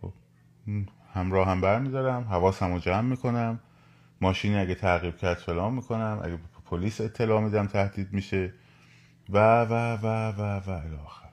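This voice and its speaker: Urgent, emphatic man giving a live talk. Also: fairly low pitch. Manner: animated, repetitive, urging listeners directly. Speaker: podcast host.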